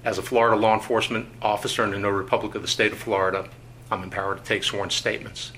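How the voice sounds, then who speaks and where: A male investigator reading formal procedure in a measured, bureaucratic way, with many "uh"s, heard on an old recorded interrogation tape from a conference room. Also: on the low side, flat delivery, pushed and bright, a little hiss or hum. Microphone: tabletop recorder.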